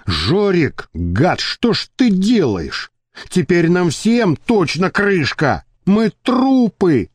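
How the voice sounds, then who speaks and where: A man's voice: high-pitched, sing-song, takes it slowly, slightly rough, no room sound, pitched above the performer's own voice, heavily acted. A man reading an audiobook, voicing a despairing henchman who moans in panic. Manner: moaning, despairing.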